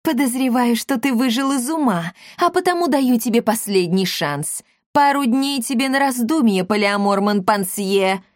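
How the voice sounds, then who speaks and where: A woman's voice: medium pitch, expressive, moderate pace, few pauses, a little mellow, no room sound, close to an everyday voice. Pompous vain old governor, as a woman reads him, smug, insinuating, storybook reading, dry close sound. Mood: threatening.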